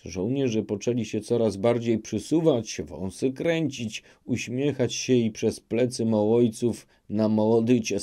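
Slow, low-voiced male audiobook narrator. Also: dark tone. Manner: measured, dramatic reading. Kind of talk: scripted narration of a classic novel.

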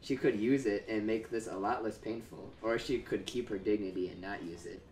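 A man with a fairly low voice giving a casual comedic read-aloud, often breaking into laughter. The room sounds roomy and echoey, and a faint hiss sits underneath. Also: fairly even intonation, a little fast, a little mellow. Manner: laughs often while reading. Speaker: host reading fan fiction aloud.

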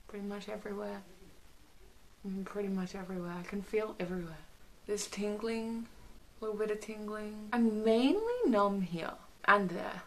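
A woman's voice: mid-range voice, sharp tone. A young woman chatting casually to camera in a rambling, hesitant way, her articulation a little restricted by a stiff jaw after surgery. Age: young adult. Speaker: vlogger. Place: small bedroom, indoors.

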